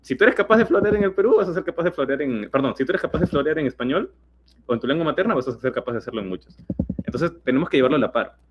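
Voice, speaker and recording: Speaking very fast with lively intonation, this Peruvian teen has a voice on the high side and a Peruvian Spanish accent. As a guest speaker on a webinar, he explains his points while stumbling into plenty of fillers and fresh starts. The sound is lo-fi, with a little background noise.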